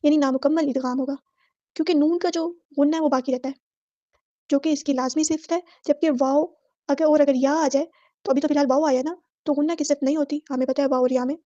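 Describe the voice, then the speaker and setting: A woman teaching Quran recitation rules. She explains each rule briskly in a methodical way, then recites the words slowly and draws out the vowels. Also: high-pitched, fairly even intonation, mellow, dry recording. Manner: methodical, repeating set phrases for every letter. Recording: dull lo-fi dry audio.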